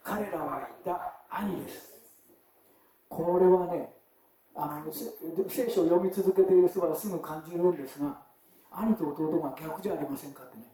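A man's voice: a little high, fairly even intonation, a little fast, dark tone, distant mic. A man preaching a sermon in a church in a chatty, conversational way, often turning to the congregation with questions. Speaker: pastor. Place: church sanctuary. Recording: very echoey church hall.

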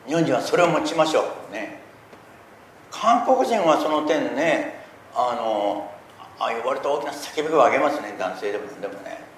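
A middle-aged man preaching a sermon, talking earnestly and swelling loudly on key points. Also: mid-range voice, expressive, normal speed. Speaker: pastor. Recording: echoey room with faint noise.

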